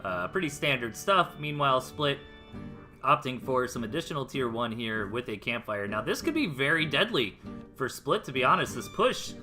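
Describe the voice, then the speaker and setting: This American esports replay caster offers laid-back live commentary, describing plays in informal, slangy language while guitar plays behind him. He speaks at a medium pitch in a very bright, forceful voice, sounding animated at a moderate pace.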